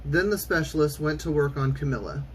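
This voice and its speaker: A man reading a children's storybook aloud in an expressive, theatrical way with clear enunciation. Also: on the high side, a little fast, slight background noise. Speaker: storytime reader.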